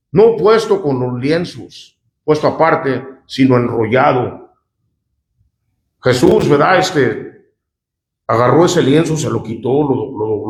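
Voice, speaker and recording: Male pastor, conversational sermon with call-and-response asides, slightly high voice, echoey church sound. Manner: conversational, often asks the congregation "¿verdad?" and "¿cuántos dicen amén?". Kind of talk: sermon reading scripture aloud with commentary.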